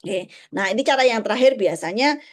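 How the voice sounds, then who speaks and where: A middle-aged woman with a somewhat high voice gives a parenting talk to mothers and fathers. She explains in a gentle, patient way and now and then acts out little dialogues between parent and child. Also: expressive, fairly quick. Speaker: parenting speaker.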